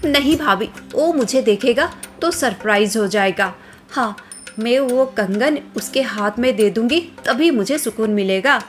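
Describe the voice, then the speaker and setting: A woman's voice: a little high, lively intonation, measured pace, soft background music. Woman voicing a defiant young bride-to-be. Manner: indignant, outspoken.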